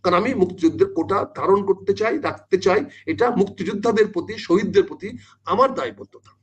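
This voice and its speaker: A man's voice: high-pitched, brisk, slightly rough. An older man, a talk show guest, speaks insistently and repeats his points for emphasis. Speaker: political guest.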